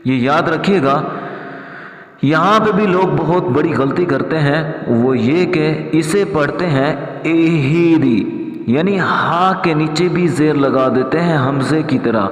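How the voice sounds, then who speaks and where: A man with a fairly high voice teaches tajweed, explaining common mistakes in calm talk. He then chants each verse slowly, stretching the sounds. The recording rings with the long echo of a large hall. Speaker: Quran recitation teacher. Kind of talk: tajweed lesson with chanted recitation. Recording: echoey hall.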